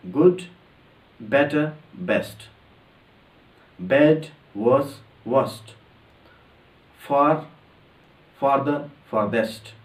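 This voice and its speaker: Male teacher, patient step-by-step explainer, distant mic in a roomy space. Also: medium pitch. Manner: explains step by step, drawing out example words slowly. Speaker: English teacher. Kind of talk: grammar lesson. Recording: echoey room, distant mic.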